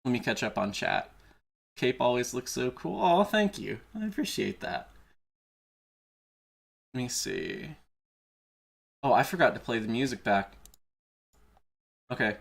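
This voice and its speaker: A man's voice: medium pitch, expressive, a little slow, vocal fry, long pauses, a bit bright. A man chatting casually on a livestream as an enthusiastic fan, swearing now and then. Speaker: streamer, video creator. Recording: music playing behind the voice. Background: background music.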